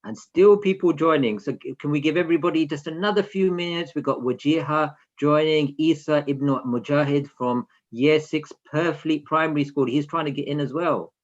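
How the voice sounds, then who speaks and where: A man with a slightly high voice talks at normal speed, hardly pausing at all. He runs an online children's session over a video call in an informal way, giving attendees instructions and asking them questions, and the audio is slightly dull and lo-fi.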